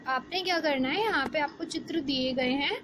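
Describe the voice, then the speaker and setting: A woman with a high voice teaches a Hindi lesson to young children, explaining slowly and asking the class questions. Background noise can be heard in the recording.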